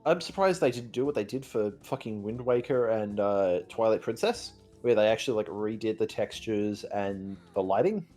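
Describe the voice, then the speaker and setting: A man's voice: on the low side, moderate pace, few pauses, faint music behind. Profane, casual young man chatting over gameplay. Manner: casual, profane, animated opinions on game tech. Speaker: co-host of a gaming playthrough. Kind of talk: casual chat while playing a video game.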